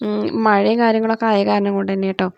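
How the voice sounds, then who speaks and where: A woman in her thirties with a Malayali accent, slightly hoarse, chatting through a morning cooking vlog in her kitchen. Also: medium pitch, little pitch movement, fast, dry recording, dull audio. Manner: chatty, ends phrases with a soft "tto". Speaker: family vlogger. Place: home kitchen.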